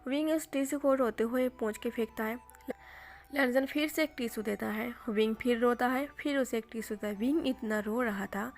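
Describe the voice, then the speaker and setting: Woman retelling a story, slightly high voice. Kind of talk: retelling fan fiction.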